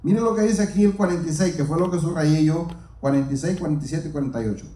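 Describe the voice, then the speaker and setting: A man's voice: a little high, fast, dark tone. A man preaching a sermon, speaking earnestly and repeating himself as he addresses the congregation directly. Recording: roomy echo, mic far off.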